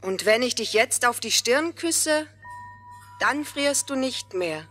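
An actress playing a regal, cold Snow Queen in a fairy-tale audio play, measured and commanding as she lures. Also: on the high side, lively intonation, pushed and bright, soft background music, full character voice. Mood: calm, commanding.

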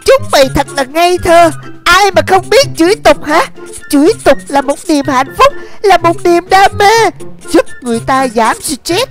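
A bossy male demon teacher barks insults at his class, as a woman voices him. The voice sits very high and talks crudely and mockingly. Music plays clearly under this game video voice-over. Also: lively intonation, normal speed. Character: rude male demon teacher impostor, villainous. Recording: music bed behind voice.

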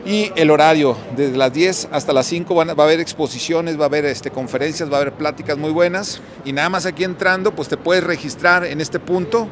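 A man's voice: a little high, a little fast, hardly any pauses. Chatty man at a busy expo. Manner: chatty, relaxed, frequent fillers and restarts. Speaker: vlog host touring an electrical expo. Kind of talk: casual on-the-spot walkthrough and interviews. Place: indoor expo hall. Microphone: handheld mic. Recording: noisy expo hall.

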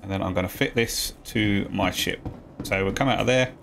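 A man talking viewers through a video game tutorial step by step, in a relaxed, casual voice-over. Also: deep voice, normal speed, creaky, slight background noise. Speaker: gaming guide creator.

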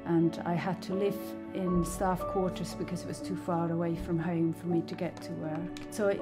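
Earnest Swiss-born woman, lower voice. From Switzerland. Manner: earnest, reflective, with soft hesitations. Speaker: church member sharing her testimony. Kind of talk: personal faith testimony. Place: small living room. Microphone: stand mic, camera at medium close-up. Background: soft background music.

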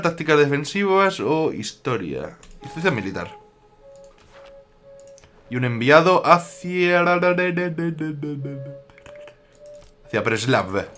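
A Spanish gaming YouTuber with a slight Aragonese accent jokes casually through a strategy game, talking back to his rivals. His voice is a little high, bright and forceful.

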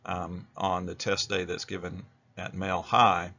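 A man's voice: low-pitched, flat delivery, measured pace, pushed and bright, dull audio. An American man narrating an instructional video as a teacher, explaining things in a plain-spoken way.

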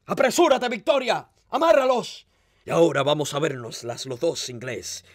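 A man voicing a daring gentleman thief with a fierce temper, speaking coldly and commandingly in an audiobook reading. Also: mid-range voice, moderate pace, no echo, natural voice. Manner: cold and commanding, turning desperate.

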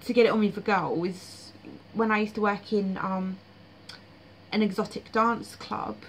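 A woman's voice: medium pitch, steady tone, unhurried, slight background noise, rough recording. A woman vlogging about her dreams in casual, frank, blunt monologue with frequent fillers.

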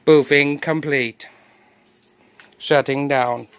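A bossy robot cop, as a man puts it on barks out clipped, monotone orders in a bright, crisp voice. It talks slowly and mechanically, stating every command like a verdict. The voice sits a little above an average man's. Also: on the high side, exaggerated voice. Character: bossy male robot police enforcer. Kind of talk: comedic skit acting.

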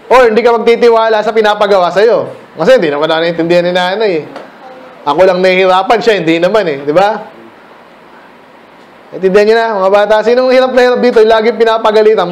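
A middle-aged Filipino pastor giving a casual Bible study talk to children, questioning listeners by name. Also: male voice, high voice.

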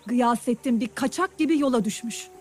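A woman's voice: on the high side, a little fast, darkish tone, lightly acted. An actress playing a firm, challenging female leader in a historical drama.

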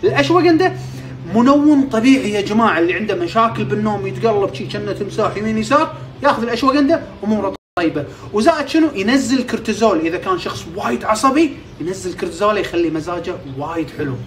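Fast, lively Kuwaiti man explaining. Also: sits high, a little hiss or hum. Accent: Kuwaiti Arabic. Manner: quizzes himself, repeats terms to drill them. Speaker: health tips host. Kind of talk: informal explainer.

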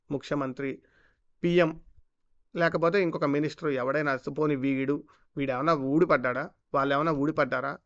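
A man fires off heated commentary at breakneck speed, packed with scornful rhetorical questions. His slightly high voice is smooth, clear, and fairly bright, though the recording sounds dull and lo-fi.

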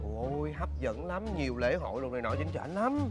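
A man's voice: mid-range voice, expressive, fast. A man acting a neighbor in a comedy sketch, persuasive and enthusiastic. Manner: persuasive, enthusiastic, repeats words.

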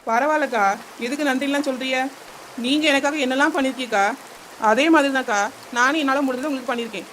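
A brave, reassuring young aunt. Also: female voice, high voice, fairly even intonation, quick pace, a bit bright, a little hiss or hum. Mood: warm. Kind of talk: cartoon voice acting.

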